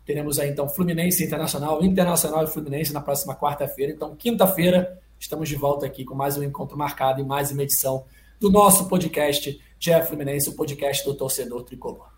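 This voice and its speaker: A man's voice: fairly high pitch, fairly even intonation, fast talker, darkish tone. A Brazilian man hosting a football podcast in a casual, conversational style. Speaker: podcast host. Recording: roomy echo, faint background noise.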